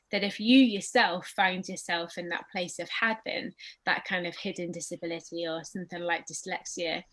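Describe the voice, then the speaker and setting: Earnest, measured woman panel speaker. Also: fairly low pitch, fairly bright tone. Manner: measured, earnest, lists points in order. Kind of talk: reflective talk on a faith-based leadership panel.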